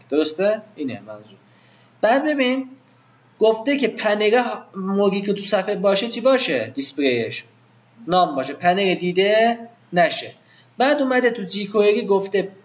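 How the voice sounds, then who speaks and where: A man's voice: high voice, dull audio. A man teaching web design to a live class in an informal way, asking the students questions and then answering them himself.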